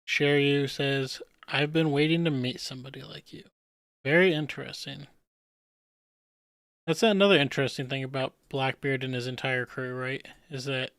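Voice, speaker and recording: Male streamer, casual rambling commentary, smooth voice, dry close mic. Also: medium pitch, dry recording. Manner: relaxed, rambling, chuckles at himself. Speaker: streamer analyzing manga panels.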